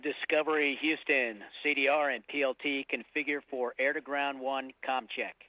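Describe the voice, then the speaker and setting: A man's voice: medium pitch, fairly even intonation, no echo. Dry, muffled astronaut-radio man, formal. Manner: measured, formal phraseology. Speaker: mission control communicator. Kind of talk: astronaut radio procedural calls. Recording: dull band-limited radio link.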